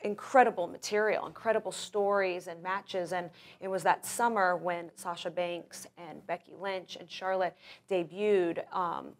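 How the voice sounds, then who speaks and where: An enthusiastic woman in her thirties talks through a casual interview. Her voice sits a little low for a woman. She rambles, circles back and restarts her sentences often. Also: steady tone, a little slow. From grew up in Russia, born in Florida. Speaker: guest, professional wrestler.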